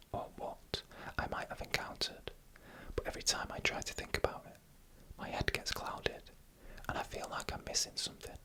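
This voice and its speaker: Despite poor audio, you can hear a narrator softly reading a scripted story in a breathy ASMR whisper. The pace is slow and deliberate, with short pauses between phrases.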